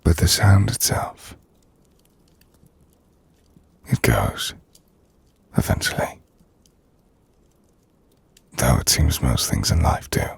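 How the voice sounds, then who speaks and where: Heavily acted and sing-song, this dry recording has a man portraying a gentle, melancholy half-vampire noble in ASMR roleplay. His hushed, breathy, low and gravelly delivery is slow and formally measured, carrying a wistful, reflective mood through an intimate monologue.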